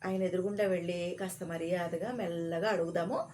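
A woman's voice: on the low side, fairly even intonation, fairly quick, mellow, a little hiss or hum, pitched below the performer's own voice, natural voice. Woman doing a naive fretful young man. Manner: earnest, pleading questions.

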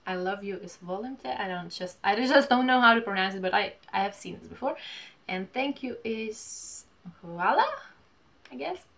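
A woman in her twenties chatting casually while opening mail at home, gushing and reading letters aloud haltingly. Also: mid-range voice, lively intonation, vocal fry, a bit bright. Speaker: vlogger. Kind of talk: casual unboxing chat. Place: small home room, indoors.

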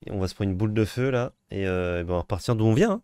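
A man's voice: lowish voice, racing, warm tone, smooth, no room sound, clean studio sound. A man co-hosting a card game video, chatting casually, teasing his partner and thinking aloud as he plays. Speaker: co-host playing a card game. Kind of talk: casual gameplay chat.

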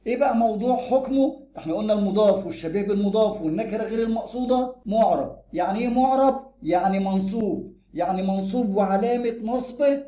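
A man with an Egyptian Arabic accent teaching a grammar lesson, quick and emphatic, slowing down to stress each example. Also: high-pitched, warm tone, roomy sound. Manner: brisk, drills examples slowly and emphatically.

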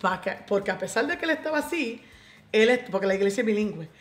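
A Puerto Rican woman giving a lively faith testimony as a radio guest, acting out the voices in her story and slipping into English. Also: mid-range voice, fast talker, roomy sound. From Puerto Rico. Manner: animated storyteller, acts out quoted voices, mixes in English.

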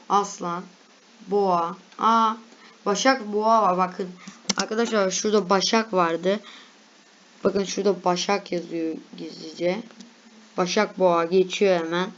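Young woman vlogger, casual chatty reactions, mid pitch, slightly dull recording. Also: fairly bright tone. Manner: chatty, reads lists aloud, laughs at herself.

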